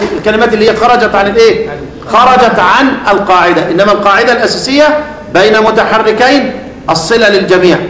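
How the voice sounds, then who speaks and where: A man's voice: high-pitched, a bit bright, reverberant, long reverb tail, low-quality recording. A man with an Egyptian Arabic accent teaching a class on Quran recitation. He keeps asking his students leading questions and then answers them himself. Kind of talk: classroom lesson. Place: lecture hall.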